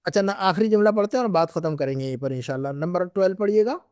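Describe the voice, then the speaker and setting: Patient male Arabic teacher, bright-toned. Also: high-pitched, lively intonation, racing, no echo, clean studio sound. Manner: patient, repeats and drills words. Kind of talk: classroom lesson.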